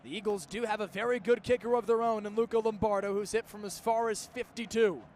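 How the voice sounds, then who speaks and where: Calling a stadium football game live, this young adult American announcer speaks in a high, steady voice that runs a little fast and a little mellow. His delivery is emphatic and dramatic, with slight background noise behind him.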